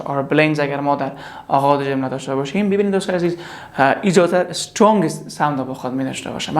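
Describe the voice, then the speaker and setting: A pronunciation teacher, repeating each English word slowly two or three times in a drill lesson. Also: mid-range voice.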